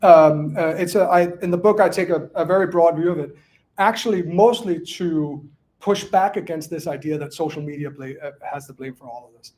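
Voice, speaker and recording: A man from Denmark talks through audience questions about his book in a loose, halting academic way. His voice sits fairly high, and he keeps breaking off and restarting his sentences with fillers. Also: darkish tone. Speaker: author answering audience questions. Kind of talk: casual academic Q&A talk.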